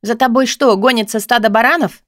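A woman's voice: fairly high pitch, fairly quick, no room sound, pitched above the performer's own voice, lightly acted. A woman doing a sarcastic student roommate. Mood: dry mocking. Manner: dry, mocking.

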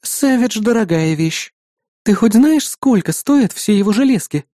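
A man's voice: high-pitched, lively intonation, normal speed, warm tone, no room sound, studio quality, voice pushed up. A man voicing a sly, teasing young woman partner in an audiobook. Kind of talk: audiobook character voice.

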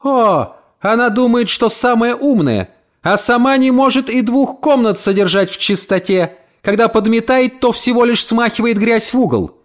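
A man voicing a spiteful, shrieking old landlady in an audiobook, ranting with shrill accusations. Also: monotone, rapid-fire, hardly any pauses, darkish tone, close to an everyday voice. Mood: scornful. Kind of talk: audiobook character voice.

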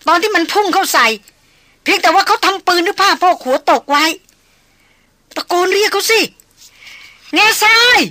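Frantic young noblewoman, loud shrill cries, bright edge, read by a woman. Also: drawn-out words, pauses often, heavily acted. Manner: shrill, near screaming.

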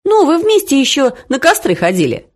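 A woman reading aloud, voicing a chatty middle-aged mother who gossips in a high, excited voice. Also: moderate pace. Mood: gossiping.

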